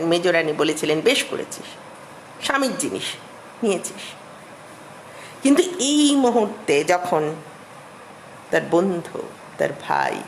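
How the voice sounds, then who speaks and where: A middle-aged woman giving an academic lecture as a literature professor, measured and explanatory, with emphatic rises. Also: mid-range voice, slight background noise, low-quality recording.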